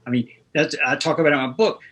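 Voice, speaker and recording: Racing along in a slightly high, somewhat bright voice, a North Carolina man in his sixties tells meandering stories as a guest guitarist in an easygoing interview. He keeps laughing through his tales.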